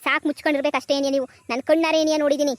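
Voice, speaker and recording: A woman doing a sharp-tongued young village wife. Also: high voice, level tone, rapid-fire, no room sound, close to an everyday voice. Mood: angry. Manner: pleading sweetly to her father-in-law, then scolding with contempt. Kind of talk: cartoon comedy voice acting.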